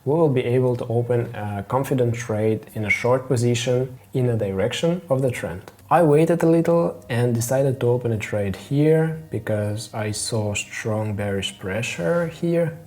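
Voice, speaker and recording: A man's voice: mid-range voice, measured pace, few pauses, a little mellow. A man with a Russian accent, hosting a trading channel and explaining his trades step by step in a methodical voice-over. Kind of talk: screen-recorded trading walkthrough.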